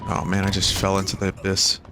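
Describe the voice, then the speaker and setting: A man's voice: low-pitched, monotone, fast, gravelly, noisy background. A man streaming a game, chatting casually in a wry, rambling way. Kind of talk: casual chat while gaming. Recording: game gunfire behind the voice.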